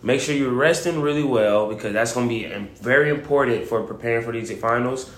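A young man from Waco talks easily on a student podcast at an ordinary middle pitch. His phrasing is loose and rambling, and he stays relaxed. The room is echoey. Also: fairly quick, a little hiss or hum. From Waco, Texas. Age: young adult. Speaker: podcast co-host, student community leader. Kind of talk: casual podcast chat.

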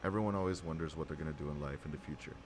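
A man's voice: rumbling low, very fast. A young man, a podcast guest, chatting casually in a reflective, slangy way. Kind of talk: casual chat. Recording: clearly noisy background.

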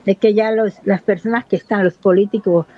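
A woman's voice: mid-range voice, steady tone, fairly quick, narrow, tinny audio. A woman in her fifties from Buenaventura, Colombia, giving an earnest, impassioned interview about her life and community. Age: 50s. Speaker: local resident. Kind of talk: interview testimony.

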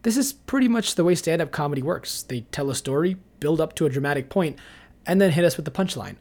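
A man with a husky, slightly high voice reads a scripted explainer. He talks in a measured, analytical way, like he is walking through an argument. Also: lively intonation, a little mellow. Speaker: video essay narrator. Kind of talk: scripted narration.

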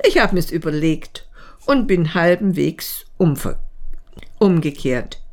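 A woman reading aloud, voicing a fiery young woman who scolds in a low, slow, teasing voice. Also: lively intonation. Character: tall, lively young woman, fiery temper. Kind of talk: audiobook reading.

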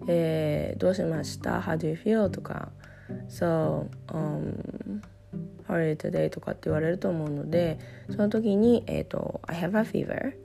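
A Japanese woman giving a relaxed English lesson while getting over a cough, with a hoarse voice and lots of fillers. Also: low-pitched, unhurried. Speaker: English teacher. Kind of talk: casual spoken lesson. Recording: guitar music playing behind.

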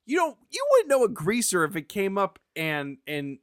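Male co-host, comedic casual chat, lively intonation, dry sound. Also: high voice, moderate pace, clear, resonant tone, no echo. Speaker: podcast co-host.

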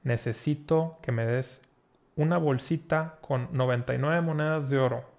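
A man voicing a wise royal advisor who explains calmly and patiently. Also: mid-range voice, moderate pace, vocal fry, natural voice.

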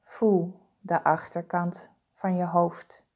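A woman guiding a body-scan meditation with slow, soothing, calm instructions. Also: fairly low pitch. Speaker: meditation guide.

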